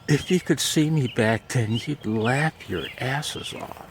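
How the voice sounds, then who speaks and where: An amateur radio vlogger with a low, gravelly, slightly bright voice chats casually, rambling and poking fun at himself. He's outdoors on a backyard garden deck, with outdoor noise in the background.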